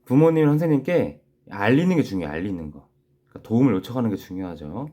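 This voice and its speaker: Man, elementary teacher, gentle and patient, animated pitch, warm tone, dictating rules to kids. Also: muffled recording. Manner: gentle, patient, repeats key phrases slowly for dictation. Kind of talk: online class lesson for young children.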